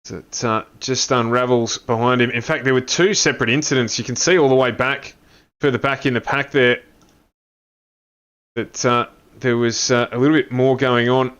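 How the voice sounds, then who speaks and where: A man's voice: fairly even intonation, moderate pace, fairly bright tone, clean tone, lo-fi sound. A man commentating an online sim race, reading grid positions and calling incidents. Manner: reels off names, jumps in pitch at crashes.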